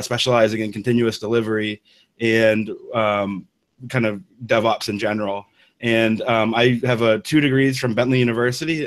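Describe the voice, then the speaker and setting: A man speaking as a guest engineer in an interview, enthusiastic and rambling with many restarts. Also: medium pitch. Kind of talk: casual interview talk.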